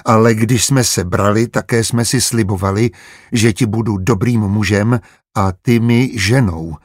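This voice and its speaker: A man's voice: lowish voice, no echo, studio quality, natural voice. A man voicing a proud, stubborn young husband and merchant in an audiobook, stiff and restrained. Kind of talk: audiobook character voice.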